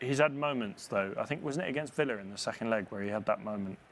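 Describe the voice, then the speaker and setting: A man on a live football watchalong, reacting loudly to chances and arguing playfully with his co-hosts. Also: lowish voice, fast, a little hiss or hum. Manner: excitable reactions, playfully argumentative. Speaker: co-host pundit.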